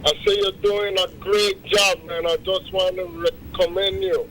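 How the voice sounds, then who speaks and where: A man's voice: sits high, level tone, measured pace, a bit bright, a little hiss or hum. A man from the calling in to a radio show, his phone held away from his mouth so he sounds faint and distant, friendly and full of praise. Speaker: caller. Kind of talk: call-in chat on a radio show.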